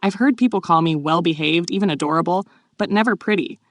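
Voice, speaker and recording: A woman reading the part of a flustered, playful young noblewoman in a bright, raised voice. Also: lowish voice, quick pace, dry recording, close to an everyday voice.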